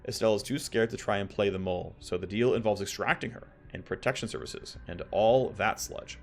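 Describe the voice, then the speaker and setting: Guy voicing a blunt crime boss in a video game, low voice, all business, bit of music behind. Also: a little fast, gravelly. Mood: grim, commanding. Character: hard, businesslike crime boss calling in favors. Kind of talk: reading video game dialogue.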